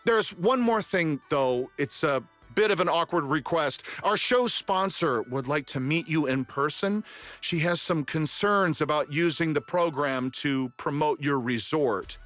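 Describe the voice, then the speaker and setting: Anime game director: high, bright, eager, apologetic people-pleaser. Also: male voice, unhurried, soft background music. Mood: eager, polite. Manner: polite, excitable, placating. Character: eager, apologetic young male beach show director.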